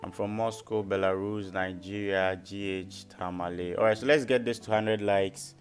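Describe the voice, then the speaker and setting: This man from Ghana has a fairly low voice with fairly even intonation and a moderate pace, backed by soft music. He hosts a live stream as a forex trading educator, teaching and analyzing markets while repeating phrases and often checking in with his audience.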